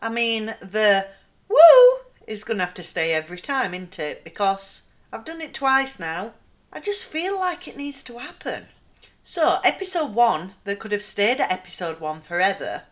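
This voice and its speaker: An excitable, chatty woman in her thirties with a Yorkshire accent, hosting a podcast. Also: medium pitch. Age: 30s. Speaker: podcast host. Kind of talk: casual chat.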